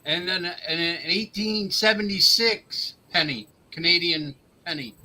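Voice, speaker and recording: A man in his fifties with a very bright, sharp voice pitched fairly high. He chats casually, joking and lingering on details. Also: unhurried, slight background noise, low-quality recording. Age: 50s. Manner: joking, chatty, detailed about his finds. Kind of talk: casual chat.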